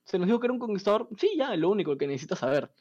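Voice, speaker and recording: A man retells a comic story in a casual chat, animated and full of swearing. His voice is fairly high for a man. The sound is a little dull and lo-fi. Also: very fast.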